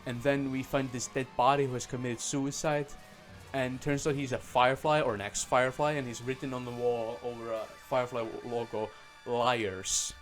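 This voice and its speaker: A man's voice: medium pitch, level tone, brisk, soft background music. Sarcastic man ranting about a game. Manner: sarcastic, profane, many fillers. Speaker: game reviewer. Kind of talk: casual ranting review.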